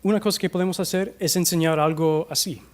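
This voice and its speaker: A man with an American accent, a native English speaker, giving a conference talk on language teaching into a microphone, hesitating often and slowing down to demonstrate sounds. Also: on the high side, fairly even intonation. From United States. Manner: hesitant, many filler sounds, slows down to demonstrate pronunciation. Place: conference hall.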